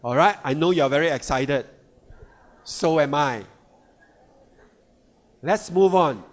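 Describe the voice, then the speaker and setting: In a reverberant hall, a man with a somewhat high voice leads a product seminar before a live audience as a sales leader. His delivery is slow and emphatic; he restates and rewords key points and keeps tossing in "right?" and "all right?"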